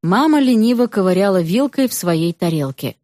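A woman narrating an audiobook story with an expressive, dramatic reading. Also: mid-range voice, moderate pace, dry recording, studio quality.

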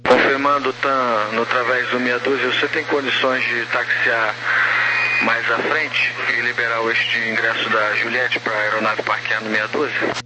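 A man's voice: medium pitch, little pitch movement, moderate pace. A man with a Brazilian accent working as an air traffic controller, giving instructions over air traffic control radio.

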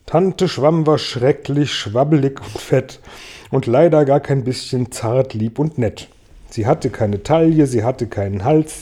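A man's voice: medium pitch, husky, close to an everyday voice. A man voicing a boastful male centipede who proudly calls himself a pest, in an audiobook reading. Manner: loud, proud and gleeful.

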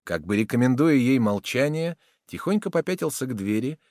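A man reads a classic novel aloud as an audiobook narrator. His delivery is dramatic, with a lively rise and fall in pitch. The recording is dry, with no room sound. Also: fairly quick, dry recording. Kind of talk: scripted literary narration.

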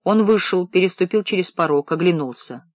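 Measured male audiobook narrator, dry sound. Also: high-pitched, animated, no room sound. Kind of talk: scripted narration.

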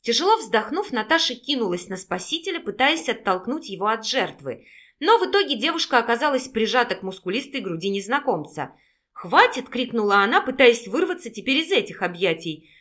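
Woman narrator, expressive audiobook read, bright lively pitch, dramatic. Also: fairly quick.

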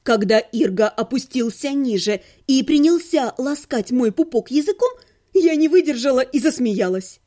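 A woman reads a humorous first-person story aloud in a homemade audiobook. Her voice sits high, with a mellow, soft-edged tone. She gives the narration a playful, ironic lilt and plays up the dramatic exclamations. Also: animated, moderate pace. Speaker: audiobook reader. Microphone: home recording.

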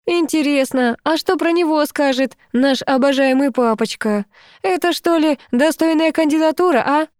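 A woman's voice: high voice, moderate pace, a little mellow, dry recording, pitched above the performer's own voice, lightly acted. A jealous young ex-boyfriend in an audiobook, hysterical and sneering, as a woman reads his lines. The recording is dry and close, with no room sound. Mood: taunting. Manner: hysterical, mocking. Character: brash jealous young man, the ex.

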